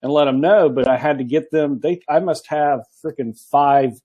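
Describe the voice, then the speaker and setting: A man's voice: on the high side, normal speed, warm tone, dull audio. A man chatting casually as a guest on a live stream from his kitchen, rambling with frequent restarts. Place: home kitchen.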